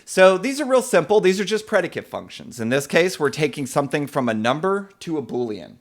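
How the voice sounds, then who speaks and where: A man runs a relaxed live-coding lesson from his desk. He talks loosely, with lots of "uh" and "um", and stops now and then to greet people in the chat. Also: a little high, fairly quick. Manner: casual, many fillers, reads chat names aloud. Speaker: programming instructor.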